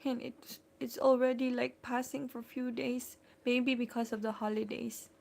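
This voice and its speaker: Host, Filipino accent, woman; slightly high, gravelly voice, casual and filler-heavy chat. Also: flat delivery, moderate pace, darkish tone, a little hiss or hum. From Philippines. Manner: chatty, greets and thanks viewers by name, many fillers. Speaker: vlogger hosting a live stream. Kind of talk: casual live-stream chat.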